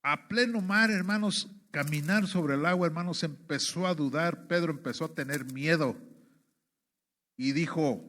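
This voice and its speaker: Male preacher from Mexico, high voice, sermon delivery full of repeated "brothers" and rhetorical questions. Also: normal speed, fairly bright tone.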